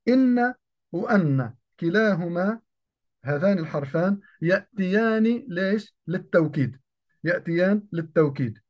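A man teaching an Arabic grammar lesson, asking questions and then answering them, slowing down to repeat example sentences, with everyday dialect words mixed into formal speech. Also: high-pitched, lively intonation. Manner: repeats key phrases slowly and asks the class questions.

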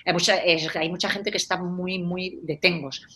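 A woman's voice: on the low side, moderate pace. A woman, a life coach explaining ideas in a casual conversational way and acting out example phrases. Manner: animated, acts out example phrases.

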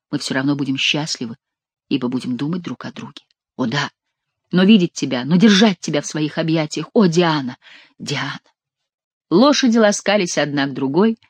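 A man narrating a classic adventure novel as an audiobook, reading expressively and dropping to hushed tones in tender scenes. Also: on the high side, no echo.

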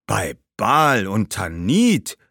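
A man voicing the boastful ghost of an old warrior ancestor, speaking slowly and indignantly in a storybook. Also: sing-song, no echo, studio quality. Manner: slow, booming and indignant.

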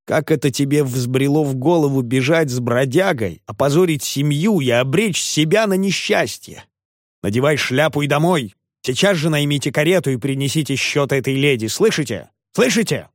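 A man voicing an elderly gentleman in a rage, blustering and indignant. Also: a little high, expressive, normal speed, no echo, studio quality, lightly acted. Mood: furious. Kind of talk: audiobook character voice.

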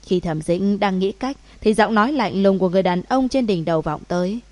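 A woman narrating a romance novel in a steady, measured audiobook reading. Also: medium pitch, no room sound. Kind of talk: scripted narration.

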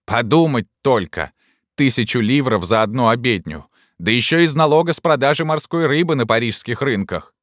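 A man's voice: medium pitch, expressive, normal speed, a bit bright, dry recording, studio quality, voice pushed up, natural voice. A man voicing an angry old woman in a crowd who scolds sharply. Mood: indignant.

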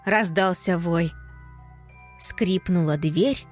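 A woman narrating a children's storybook aloud in an expressive, lively storytelling manner. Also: on the low side, takes it slowly, faint music behind. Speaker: audiobook narrator.

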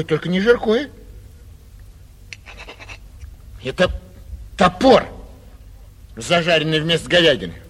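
In an old 1940s theatrical radio play drenched in long reverb, a young adult man plays a vain, petulant, cowardly young gentleman. His high, husky voice is heavily acted, whining and indignant with a disgusted, grumbling mood.

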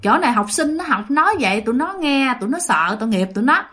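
A woman voicing a skeptical young schoolteacher who quickly brushes off strange warnings. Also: sits high, big pitch swings, fairly bright tone, full character voice. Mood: dismissive. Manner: dismissive, quick.

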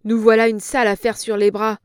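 Woman playing a rough, cynical male thug, coarse, dry recording. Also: on the high side, flat delivery, a little fast, dry recording, close to an everyday voice. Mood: enraged, cynical.

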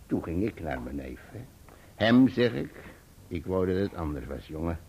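An actor playing Peggotty, an older, hearty and emotional fisherman who talks in a rough, jovial way and laughs often in a radio play. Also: low-pitched, sing-song, moderate pace, darkish tone, slight background noise.

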